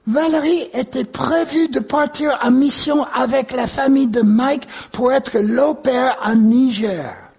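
Slow, very husky-voiced male preacher. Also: very high voice, faint music behind. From United States. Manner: animated, leans into repeated words. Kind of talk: storytelling sermon.

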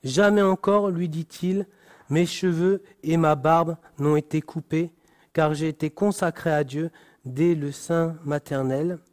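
A man reads a Bible passage aloud and comments on it like a preacher. His voice sits high and his pace is unhurried. He stumbles on words and corrects himself. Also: fairly even intonation, darkish tone. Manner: slow, deliberate reading with frequent restarts and apologies.

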